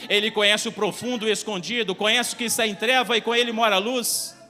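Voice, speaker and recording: A male pastor with a Brazilian Portuguese accent delivers a fervent sermon, hammering the same phrases and rising into shouts. His voice sits very high for a man and rings sharp and forceful. It carries a long church reverb over faint music. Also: fairly even intonation, quick pace. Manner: fervent, repetitive preaching that builds to shouted peaks. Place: church sanctuary.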